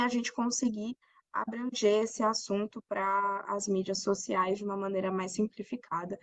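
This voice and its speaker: A woman's voice: medium pitch, fairly bright tone, no room sound. A woman presenting an academic paper online, often adding "né?". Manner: explanatory, with frequent "né?" tags. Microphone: video call.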